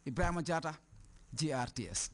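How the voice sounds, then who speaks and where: A man with a Gambian accent reading a scripted news report in a formal, measured way. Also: fairly high pitch, expressive.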